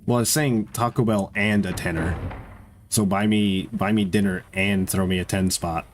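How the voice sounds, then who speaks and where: Congested male streamer, low voice, swears and jokes through casual play-by-play. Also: steady tone, normal speed, a little hiss or hum. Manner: profane, joking banter. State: congested nose. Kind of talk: casual gameplay commentary.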